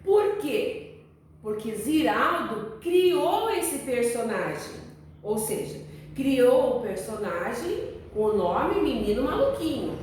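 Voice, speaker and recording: Slow-talking teacher woman, lively high voice. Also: far from the mic, slight background noise. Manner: slow, patient, repeats words for young children. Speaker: primary school teacher. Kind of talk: recorded remote class lesson. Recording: very echoey room, voice away from the mic.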